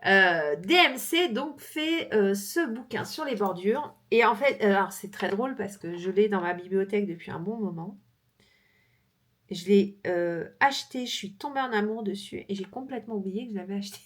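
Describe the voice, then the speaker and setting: A woman from France hosts a crochet vlog in a relaxed, chatty way. She fills her pauses freely and breaks into laughter easily. Her voice sits at a middle pitch for a woman. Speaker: crochet vlogger. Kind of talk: casual chat showing books.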